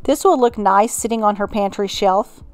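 A middle-aged woman, host of a home organizing channel, calmly narrating a scripted voice-over with friendly instructions. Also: mid-range voice, normal speed, smooth, no room sound. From Texas.

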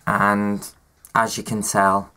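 A man's voice: fairly low pitch, completely flat delivery, slow, bright, forceful tone, smooth. A young man, sick with a cough and sore throat, chatting casually to camera in a rambling, self-mocking way. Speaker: vlogger. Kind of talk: casual vlog chat.

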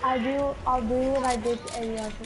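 A woman's voice: a little high, fairly even intonation, fairly quick, noisy background. A woman chatting while playing an online game with friends, insistent and demanding. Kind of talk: casual gaming chat.

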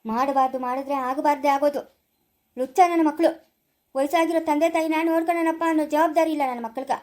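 A woman's voice: high-pitched, steady tone, fast, a little mellow. A woman with a Kannada accent, acting in a family drama, lamenting and reproaching her sons. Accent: Kannada from Chikkaballapura.

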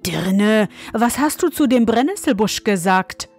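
A woman voicing a haughty, quick-tempered young bride in a fairy tale, with a sharp, scolding manner. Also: mid-range voice, animated, faint music behind.

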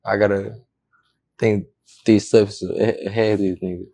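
A young man talks low and tersely, with a deep, gravelly fry under his words. He mumbles short, slangy answers while seated indoors. He is recorded close on a lapel mic. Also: flat delivery, measured pace, mellow. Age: young adult. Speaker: rapper, interview guest. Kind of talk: casual interview.

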